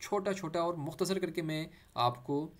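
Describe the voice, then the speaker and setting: A man teaching Quran reading, patiently saying letters one at a time and slowly drawing out recited words, with English words mixed in. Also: on the high side. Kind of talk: letter-by-letter tajweed lesson.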